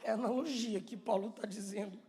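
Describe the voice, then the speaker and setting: A man with a Brazilian Portuguese accent preaching a sermon, swinging from hushed storytelling to shouted preaching. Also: sits high, steady tone, fairly quick. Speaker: pastor.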